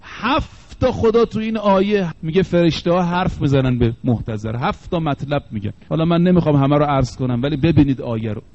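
A man, a cleric, preaching a sermon and slowing down to stress the sayings he quotes. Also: on the high side, a little mellow, dull audio.

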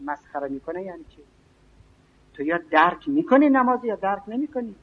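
A man giving an evening religious lecture, speaking slowly and emphatically and reciting scripture and verse. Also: high voice, big pitch swings, slight background noise. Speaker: preacher. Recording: dull lo-fi recording.

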